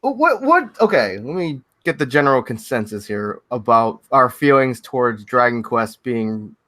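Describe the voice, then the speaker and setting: A man's voice: mid-range voice, moderate pace, a bit bright, no echo. A young man hosting a casual gaming podcast, chatty and loose, often restarting his sentences. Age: young adult. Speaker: podcast host.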